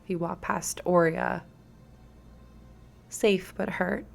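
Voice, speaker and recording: Unhurried, creaky-voiced woman game master. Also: on the low side, steady tone, faint music behind. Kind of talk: narrating a tabletop role-playing game.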